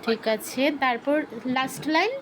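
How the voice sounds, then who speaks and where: A woman with a high voice leads an online class over a video call, stretching out chanted verse lines slowly so students can follow. She patiently corrects pronunciation and quizzes the class with questions, against a faint hiss of background noise. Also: expressive. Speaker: teacher.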